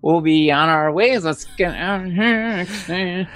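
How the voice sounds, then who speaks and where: A man's voice: high voice, unhurried, a bit bright. A man talking casually in character as a player in a tabletop game. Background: music.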